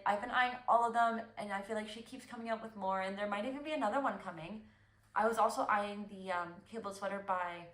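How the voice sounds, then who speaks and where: A woman's voice: mid-range voice, a bit bright, echoey room. A young woman hosting a knitting podcast, chatting casually and rambling with fillers and restarts. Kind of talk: casual chat.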